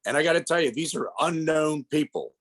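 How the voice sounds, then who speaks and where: A middle-aged man from Pennsylvania speaks as a guest presenter on elder fraud, congested from a head cold. His voice is fairly high, a little bright, and fairly quick. He explains things plainly to the audience, calling them "folks."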